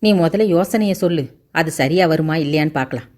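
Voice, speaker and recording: A woman's voice: deep voice, warm tone, natural voice. Woman voicing a blunt 18-year-old village girl. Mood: curious. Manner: blunt, quick-tempered. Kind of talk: audiobook character voice.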